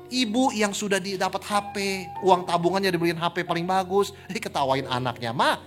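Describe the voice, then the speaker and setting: An animated man preaches a sermon with a somewhat high voice, firing rhetorical questions at his listeners and slipping English phrases into his talk. Music plays steadily underneath. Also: brisk. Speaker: pastor.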